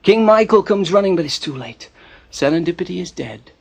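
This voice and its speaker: Casting: male storyteller, gravelly and breathy, with a voice that climbs high and dips low, theatrical pacing. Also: a little fast. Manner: animated, theatrical pacing with hushed drops. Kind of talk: storytelling narration.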